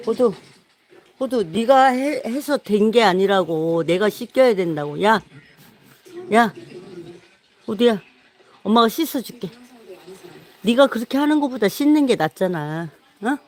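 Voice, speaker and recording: A woman's voice: mid-range voice, rough recording. A woman streaming live and coaxing her pet dog to come and get washed. She repeats herself over and over in a sing-song tone and breaks into chuckles. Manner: coaxing, repetitive, laughing often. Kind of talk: casual live stream talk.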